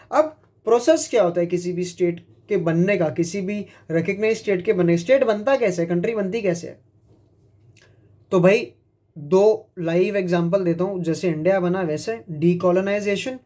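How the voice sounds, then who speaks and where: A man's voice: high voice, a little mellow. A man giving a casual exam-prep law lecture, blunt and slangy, calling his students brothers and mixing in English legal terms. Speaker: law tutor.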